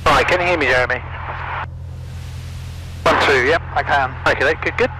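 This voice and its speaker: A man's voice: fairly high pitch, moderate pace, poor audio. A man speaking through a cockpit headset intercom, making clipped radio calls to air traffic control as a student pilot. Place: small plane cockpit. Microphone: aviation headset.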